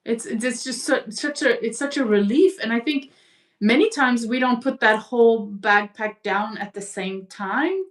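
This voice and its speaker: A woman in a spiritual conversation, speaking reflectively and gently, over a video call. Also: on the high side, moderate pace, far from the mic. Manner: reflective, gentle, uses imagery. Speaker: guest.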